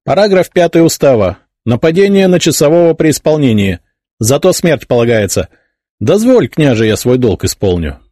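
A man's voice: medium pitch, sing-song, moderate pace, warm tone, dry recording, studio quality, voice pushed up. A man voicing a stubborn, fierce boy warrior who talks back defiantly. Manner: defiant, insistent.

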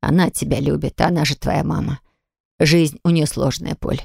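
A woman narrator voices a shrewd old grandmother from a storybook, fully in character, with a low, gravelly, darkish delivery that stretches words out slowly and knowingly. Her intonation stays fairly even, and the audiobook recording sounds close and dry, with no room sound.

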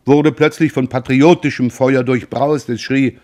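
A man reading a novel aloud for radio in a measured, expressive narrating style. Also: mid-range voice. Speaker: audiobook reader.

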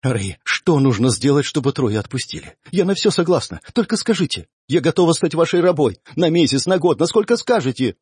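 A desperate young woman begs in a raised, urgent voice, as a male narrator puts her on. Her pleas come in a husky tone that rises and falls a lot. The audiobook recording is dry and close. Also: a little high, big pitch swings, a little fast, hardly any pauses, a little mellow, no room sound, voice pushed up, exaggerated voice. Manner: pleading, urgent. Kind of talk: audiobook character voice.

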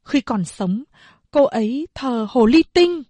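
A worn-out eldest daughter speaks to her mother in a tired, pleading way, as a woman reading the story acts her out. The voice sits a little above the reader's own and is husky. It is close and dry, as in a storybook reading. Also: high-pitched, animated, takes it slowly, dark tone, dry recording, pitched above the performer's own voice, heavily acted. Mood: weary.

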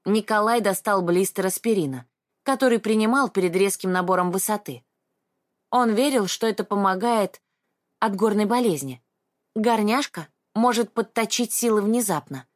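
Calm woman reading a story aloud. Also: mid-range voice, dry recording, clean studio sound. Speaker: narrator. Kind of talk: audiobook narration.

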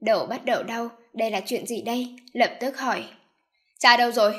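A woman reads a novel aloud with steady, scripted narration. Her voice sits a little higher than usual for a woman. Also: fairly quick. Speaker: audiobook narrator.

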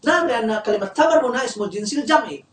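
A man's voice: extremely high pitch, lively intonation, racing. Male grammar teacher in a classroom, echoey room, mic set far off, quizzes the class as he goes. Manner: quizzes the class, leaves words unfinished for students to complete.

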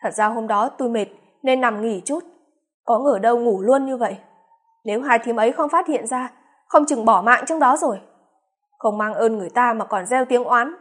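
A man's voice: extremely high pitch, normal speed, fairly bright tone. A woman reading the part of a bitter, blunt man. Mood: indignant. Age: 50s. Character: aging man, bitter, resolute about divorce.

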